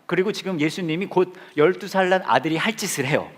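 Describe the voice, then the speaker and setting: A man's voice: high voice, fast. A man in his forties preaching a playful sermon, joking and acting out scenes with his congregation.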